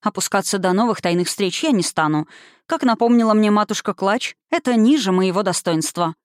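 A prim, haughty young society lady speaks with stiff, formal dignity, as an audiobook reader puts her on. The voice sits at a middle pitch and is recorded close and dry. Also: brisk, dry recording, natural voice. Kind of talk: audiobook reading.

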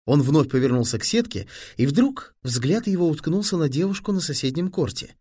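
Man narrating a novel, expressive, high voice, dry close mic. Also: normal speed, breathy edge, no echo. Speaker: audiobook narrator. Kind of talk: audiobook narration.

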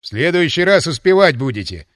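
A man's voice: a little high, big pitch swings, fairly quick, fairly bright tone, dry recording, clean studio sound. A man voicing a stern male military inspector who gives curt, clipped orders. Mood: stern commands.

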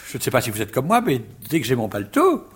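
An actor playing a flustered, stammering middle-aged provincial rhetoric teacher in a 1950s stage comedy. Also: male voice, mid-range voice, wildly swooping pitch, quick pace, husky. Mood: bumbling gallant. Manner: stammering, fussy, rambling.

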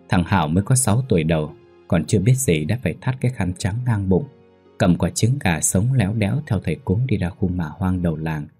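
A man narrating a ghost story in a steady, measured scripted telling. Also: low-pitched, slightly rough.

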